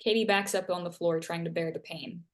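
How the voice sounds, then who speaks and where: At a fairly quick pace and with fairly even intonation, a woman whose voice sits somewhat low narrates the stage directions for a live table read, going through each action and scene heading one after another.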